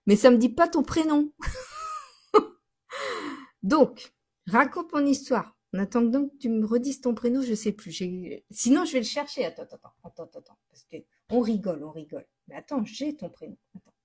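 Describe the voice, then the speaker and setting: A woman's voice: on the high side, lively intonation, moderate pace, darkish tone, breathy edge. A woman hosting her own live stream in a casual, chatty way, answering viewers as she goes, laughing often and often restarting her sentences. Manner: restarts and self-corrects often. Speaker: host of a daily live stream.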